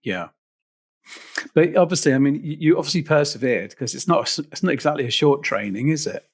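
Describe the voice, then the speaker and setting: A man's voice: a little high, lively intonation, a little fast, vocal fry, slightly rough. A man hosting a podcast, asking questions in a hesitant way with small restarts. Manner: hesitant, repeats words while asking questions. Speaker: podcast host. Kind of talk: conversational interview.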